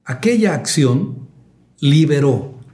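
Mellow-voiced pastor telling a testimony. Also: male voice, on the high side, expressive, takes it slowly. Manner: reflective storytelling with hesitant fillers, rising to emphatic preaching.

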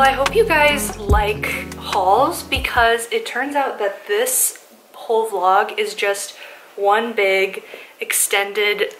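A Polish-speaking woman in her twenties chats to a close handheld camera, vlog-style, in her living room, a car and a store. Her voice is a little high and slightly hoarse, her chatter self-mocking and full of likes and ums, and the recording is rough.

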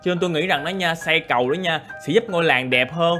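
Excitable gamer man. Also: a little high, fast, faint music behind. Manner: excitable, exclamatory, chatty asides to viewers. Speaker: gaming YouTuber. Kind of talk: Minecraft role-play commentary.

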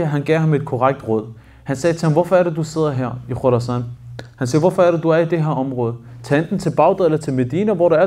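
Animated man preaching a sermon. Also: a little high. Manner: animated storytelling, acts out quoted speech. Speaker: sheikh. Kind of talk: sermon storytelling. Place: mosque.

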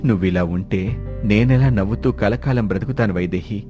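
A kind-hearted rich landlord from a cartoon storybook, voiced by a male narrator. His voice is earnest and a touch lower than the narration. Faint music runs beneath. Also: normal speed, warm tone, natural voice. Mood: anguished.

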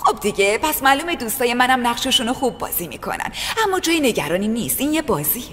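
A woman's voice: fairly high pitch, big pitch swings, a bit bright, long reverb tail, slight background noise. A woman voicing a young woman who soothes a captive child by turning the kidnapping into a game. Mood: playful coaxing. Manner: playful, coaxing, childlike storytelling. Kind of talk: dubbed TV drama.

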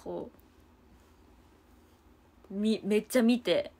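A woman's voice: medium pitch, slow, warm tone. A young woman with a chatting casually to fans on a livestream, giggling often.

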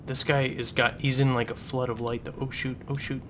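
A young man chatting excitedly while playing a co-op stealth game with a friend, sometimes slipping into a hushed voice. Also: medium pitch, brisk, noisy background. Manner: excitable, drops to a whisper while sneaking. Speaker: gaming co-host. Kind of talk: casual co-op gameplay commentary.

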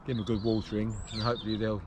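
A man's voice: fairly low pitch, racing, background noise. A man in his fifties, chatting casually with fillers as he works his allotment plot and explains each job. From England. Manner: relaxed, chatty, thinking aloud with fillers. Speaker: allotment gardener and channel host. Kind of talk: casual gardening vlog. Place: outdoor allotment and polytunnel.

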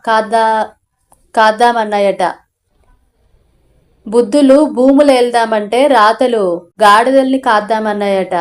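A woman's voice: fairly high pitch, lightly acted. A woman voicing a short-tempered middle-aged father who scolds his son, read as part of a storybook audio novel. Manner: scolding, sarcastic.

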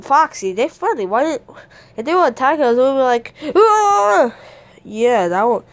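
A woman's voice: fairly high pitch, lively intonation, normal speed. A woman voicing every toy in an improvised plush toy skit, hesitant and repeating herself, with playful beeping sound effects. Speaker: plush video maker voicing all toys.

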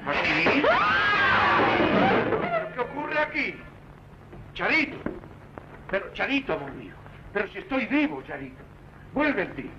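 Tender, imploring husband. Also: male voice, high-pitched, huge pitch swings, measured pace, long pauses, exaggerated voice. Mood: tender, worried. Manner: earnest, imploring. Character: tender, pleading returned husband believed dead. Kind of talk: 1940s film acting. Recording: dull 1940s film soundtrack with music.

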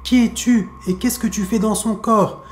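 A man's voice: high voice, steady tone, moderate pace, echoey room, close to an everyday voice. A man storyteller voicing a stern imam who firmly questions and threatens a spirit. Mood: questioning. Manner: firm, commanding, threatening. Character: stern male imam performing an exorcism.

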